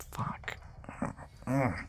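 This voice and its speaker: In an immersive fantasy audio roleplay, a man plays a worn-out monster hunter who grumbles his way through. He's guarded but sociable, and his delivery is hesitant, muttered, and wryly sarcastic.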